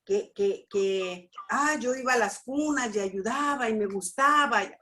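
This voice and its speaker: A middle-aged woman gives a personal testimony at a church family class, telling her story with lively expression and acting out what people said. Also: fairly high pitch, a little slow, a little hiss or hum. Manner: animated storytelling, acts out dialogue. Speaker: speaker at a church family school.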